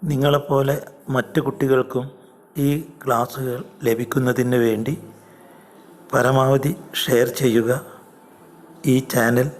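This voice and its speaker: A man with a Malayali accent teaching English grammar online, reading word lists one at a time with pauses. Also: medium pitch, level tone. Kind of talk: slow, deliberate grammar lesson.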